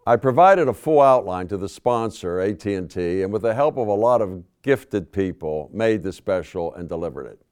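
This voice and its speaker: An older man recounting a personal story at a public forum, in a measured, dry manner. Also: lowish voice, lively intonation, darkish tone, clear, resonant tone.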